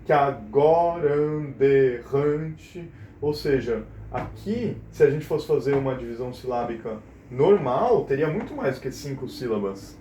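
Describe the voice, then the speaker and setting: A man teaching a recorded class lesson. His voice sits at an ordinary middle pitch, and he explains step by step while checking in with his students. The sound has a noticeable roomy echo. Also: lively intonation, normal speed, hardly any pauses, dark tone, a little hiss or hum. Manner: explanatory, checks in with frequent questions.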